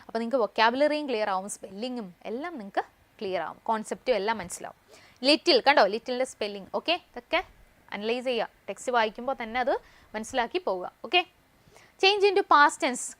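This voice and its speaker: A woman English teacher with a Malayali accent, explaining vocabulary and tenses in a live online class, reading English phrases slowly and with stress. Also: fairly high pitch, lively intonation.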